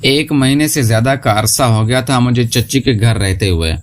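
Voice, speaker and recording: Man, storyteller, scripted first-person narration, steady reading, mid-pitched voice.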